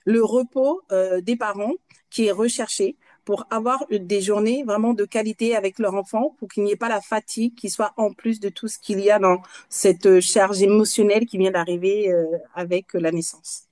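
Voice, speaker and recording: Brief: woman in her fifties from Guadeloupe, interview guest, middle pitch, halting and pausing as she answers. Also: fairly even intonation, a little mellow. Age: 50s. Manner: halting, searching for words between pauses. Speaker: guest, night nurse.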